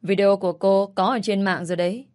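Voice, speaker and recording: A woman reads the part of a cold, contemptuous middle-aged ex-husband who is scornful and curt. Her mid-range voice is brisk and darkish, with fairly even intonation, close to how she'd sound day to day.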